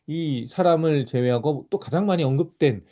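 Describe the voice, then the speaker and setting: A man's voice: a little high, lively intonation, moderate pace, muffled recording. A middle-aged man, a pastor, teaching a church Bible class over slides in an explanatory way, often restarting words and using fillers.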